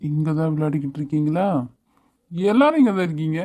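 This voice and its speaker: A man's voice: a little high, animated, warm tone. A man voicing a possessive, hot-tempered young husband in a cartoon. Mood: teasing. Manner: possessive, quick to anger. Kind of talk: cartoon voice acting. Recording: tinny phone-like lo-fi audio.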